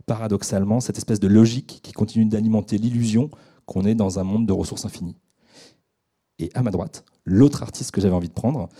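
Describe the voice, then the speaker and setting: Low, dark-voiced man hosting a radio show. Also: slightly rough. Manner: halting, many fillers and restarts. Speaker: radio debate host. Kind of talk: hesitant unscripted introduction. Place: radio studio.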